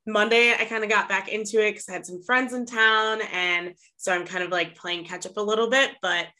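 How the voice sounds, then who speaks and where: A woman's voice: mid-range voice, steady tone, a little fast, pushed and bright. A woman co-hosting a podcast in a casual, conversational style. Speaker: podcast co-host. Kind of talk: casual chat.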